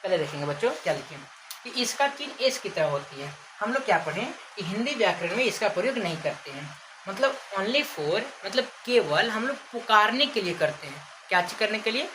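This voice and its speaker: A woman's voice: medium pitch, expressive, brisk. A woman teaching a grammar lesson to children, repeatedly asking the class questions and drawing out example words. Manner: stretches out called names as examples. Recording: noisy background ambience.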